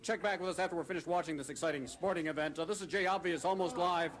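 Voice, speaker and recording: An actor playing a stiff, reluctant TV field reporter who hesitates and speaks in formal reporter phrases. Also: male voice, a little high, fast, a bit bright, natural voice. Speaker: comic reporter character.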